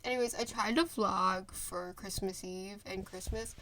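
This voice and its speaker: A woman's voice: mid-range voice, fairly even intonation, measured pace, fairly bright tone. A woman in her twenties chatting casually to the camera in a rambling vlog, full of fillers and restarts. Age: 20s. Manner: rambling, filler-heavy, self-interrupting. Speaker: vlogger. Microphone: phone camera.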